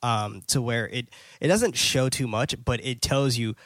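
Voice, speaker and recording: A man's voice: medium pitch, measured pace, a bit bright, no room sound. A man hosting a casual movie-review podcast, recapping a plot in a loose, filler-heavy way and swearing now and then. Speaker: podcast host.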